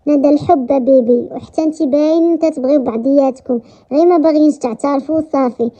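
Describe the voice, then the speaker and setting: A woman's voice: high voice, fast, warm tone, close to an everyday voice. A woman with a Moroccan accent voicing a playful, cheerful young dressmaker in a romance story. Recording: dull lo-fi recording.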